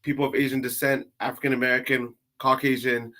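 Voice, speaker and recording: A man's voice: medium pitch, level tone, quick pace, pushed and bright. A man with an ordinary mid-range voice tells a personal story in a loose, casual manner. He fills his sentences with "like" and "you know". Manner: laid-back, uses lots of "like".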